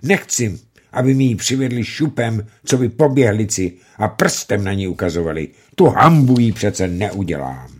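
A man's voice: on the low side, animated. Man voicing a stern pious old farmer. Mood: emphatic. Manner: firm, grave and emphatic.

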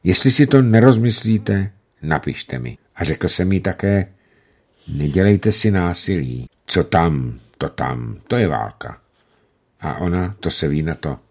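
Male audiobook narrator, low register, measured and steady delivery. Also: slightly rough. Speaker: narrator reading a novel. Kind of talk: audiobook reading of a letter and narration.

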